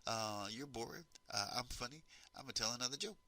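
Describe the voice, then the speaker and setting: A man's voice: mid-range voice, animated, brisk, sharp tone, dry recording. A man voicing a defiant second-grade boy who taunts his teacher. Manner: sassy, taunting.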